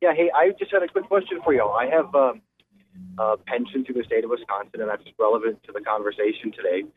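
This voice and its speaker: A man's voice: medium pitch, quick pace. Fields: Sex: man. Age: 50s. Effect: over the phone. Role: radio caller. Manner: plain and polite. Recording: tinny phone line. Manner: plain, polite, asks step by step. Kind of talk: call-in question on radio.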